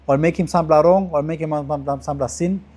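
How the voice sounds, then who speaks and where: A man with a Papua New Guinean accent teaches from the Bible as a preacher in pidgin, in short repeated phrases that rise with emphasis and then trail off softly. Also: steady tone, brisk. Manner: emphatic rises trailing off into lower, softer phrase endings.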